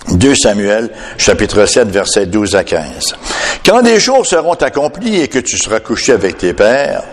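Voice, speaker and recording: A man's voice: lowish voice, very animated, measured pace, in a large hall. A man preaching a sermon emphatically, often tagging his points with a questioning "hein?". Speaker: pastor.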